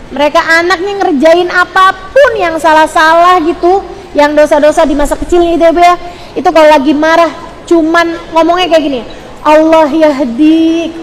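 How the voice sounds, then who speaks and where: A woman's voice: very high-pitched, big-room sound, slight background noise. A woman preacher giving an earnest sermon to mothers, speaking straight to her listeners and repeating phrases for emphasis. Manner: addresses listeners directly as mothers. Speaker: Islamic preacher. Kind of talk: sermon to women.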